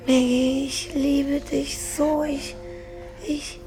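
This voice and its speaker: A fading, wounded woman whispers tender words in a light, high voice. Her speech is slow and breathless, drawn out word by word. Music plays beneath her in this radio drama. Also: flat delivery, heavily acted.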